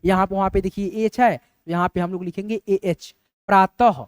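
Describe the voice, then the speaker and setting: Patient male teacher spelling words slowly. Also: high voice, steady tone, clear, resonant tone, no echo, clean studio sound. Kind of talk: step-by-step spelling lesson.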